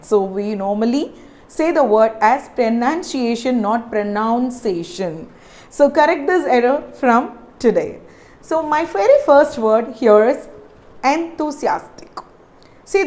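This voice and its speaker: A woman with a South Indian English accent teaching English pronunciation, repeating words slowly to demonstrate them. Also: a little high, a little mellow. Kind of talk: spoken English lesson.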